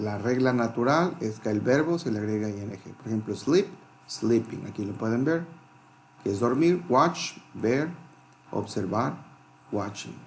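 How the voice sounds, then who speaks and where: A man's voice: mid-range voice, a little mellow, a little hiss or hum. Man teaching a grammar lesson. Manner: explains step by step, spelling out letters and translating examples. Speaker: English teacher. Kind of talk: grammar lesson explaining rules.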